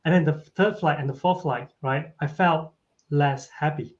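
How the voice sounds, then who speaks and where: A man's voice: on the high side, moderate pace. A man, a podcast guest chatting casually about his life and tagging his sentences with "right?". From Malaysia. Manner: tags sentences with a questioning "right?". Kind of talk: casual interview chat. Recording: dull lo-fi audio.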